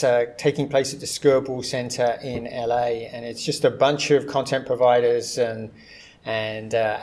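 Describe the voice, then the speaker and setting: Man, echoey conference room. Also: mid-range voice. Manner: measured and chatty, with frequent "uh" pauses. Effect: echoey room sound. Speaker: podcast co-host and video industry analyst. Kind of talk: casual podcast chat. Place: quiet room at a conference venue.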